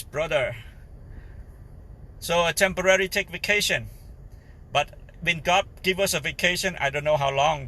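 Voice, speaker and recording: A man with a Cambodian Khmer accent, a native Khmer speaker, giving informal Bible teaching in halting English as he searches for words. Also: mid-range voice, pushed and bright. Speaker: lay preacher.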